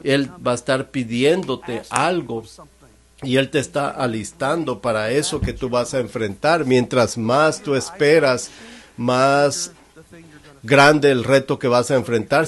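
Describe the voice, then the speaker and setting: Man preaching a translated sermon. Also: medium pitch. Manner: earnest preaching delivery with repeated questions. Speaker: church interpreter.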